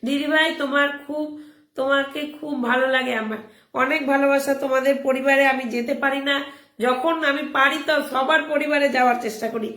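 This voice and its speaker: A woman hosting a casual live stream, hoarse from a cold, brisk and coaxing as she keeps urging viewers on. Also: sits high, steady tone, a bit bright. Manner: brisk, coaxing, keeps repeating calls to act. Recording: roomy echo.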